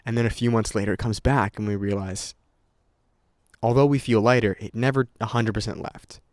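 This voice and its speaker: Speaking a little fast in a lowish, darkish voice with fairly even intonation, a young man rambles to his camera without a script. He swears freely and restarts again and again. The sound is clean studio audio with no echo.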